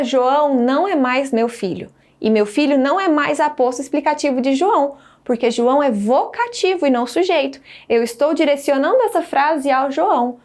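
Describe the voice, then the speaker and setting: Brief: woman teacher, high voice, clear didactic delivery, scripted online lesson. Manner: clear, didactic, stresses example sentences.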